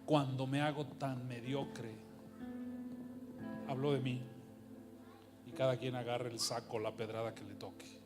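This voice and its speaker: A man preaching a sermon with passion, asking rhetorical questions and swinging from hushed to loud. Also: mid-range voice, flat delivery, unhurried, long pauses, music in the background.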